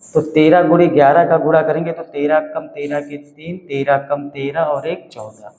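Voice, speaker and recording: A man's voice: on the high side, flat delivery, normal speed, darkish tone, slight background noise. A man teaching a maths lesson, who keeps asking questions and answering them himself and repeats the numbers. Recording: echoey room with long reverb.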